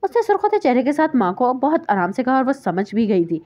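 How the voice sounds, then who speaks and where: A woman's voice: high-pitched, sing-song, darkish tone, no room sound, dull audio. Woman narrating a romance novel. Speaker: novel reader.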